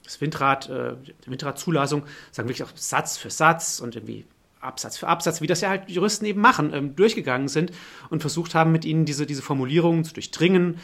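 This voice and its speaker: A man's voice: a little high, fast, gravelly, fairly bright tone. A middle-aged man, a political science professor, answering interview questions and thinking aloud with many fillers and restarts.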